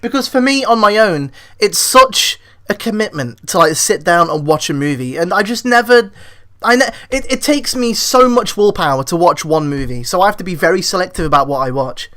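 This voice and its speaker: A woman in casual chat who laughs often and reacts with animated comments. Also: lowish voice, moderate pace.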